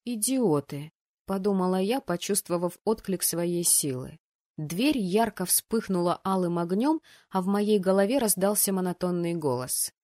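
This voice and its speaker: Low-voiced woman reading a fantasy novel. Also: moderate pace, no room sound, studio quality. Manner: voices the rowdy students' shouts with bursts of pitch and volume. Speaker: audiobook narrator. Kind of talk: first-person fantasy narration with acted dialogue.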